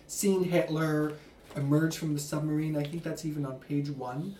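A podcast co-host asking questions in an inquisitive, halting way, with many restarts. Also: mid-range voice, fairly even intonation, warm tone, recorded from a distance. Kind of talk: casual podcast discussion. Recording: echoey room, voice set back from mic.

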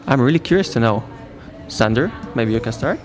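A man, briskly leading questions on a student radio show in a studio. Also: medium pitch, animated. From Bulgaria. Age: 20s. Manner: brisk, curious, asks questions. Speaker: student co-host. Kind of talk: casual radio chat.

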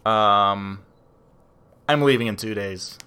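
A man co-hosting a podcast in casual chat, relaxed and rambling, with frequent fillers and restarts. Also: fairly low pitch, slow, smooth. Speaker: podcast co-host.

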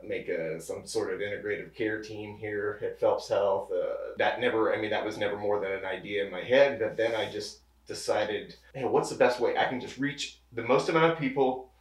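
In a casual interview, a pharmacist guest in his thirties talks at a moderate pace with few pauses, his low voice loose and rambling with frequent restarts. The mic sits at a distance, so there's a noticeable room echo.

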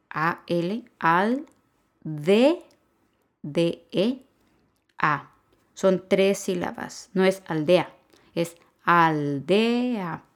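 A woman giving a podcast grammar lesson, patiently explaining and repeating key points. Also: lowish voice. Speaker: Spanish teacher.

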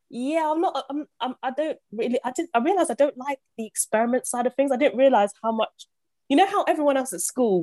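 This time the Uganda-born, Southeast London-raised woman in her thirties sounds on the high side, recorded close and dry with no echo. A property investor appearing as a podcast guest, she keeps the casual interview lively, laughing quickly and often and restarting her sentences a lot.

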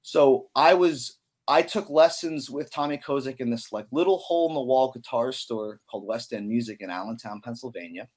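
A young man, a musician guest on a podcast, telling a story in a casual, animated way with lots of "you know". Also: mid-range voice, moderate pace.

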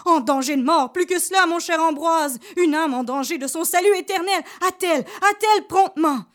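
A woman voicing an old, zealous village priest who shouts urgent commands in a storybook tale. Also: medium pitch, steady tone, normal speed, lightly acted.

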